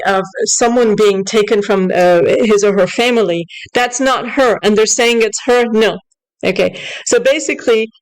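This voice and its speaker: The recording is rough, and the woman's voice is fairly high-pitched. She's an online commentator giving unscripted news commentary, upset and insistent on setting things straight, switching from English to French and back while reading aloud.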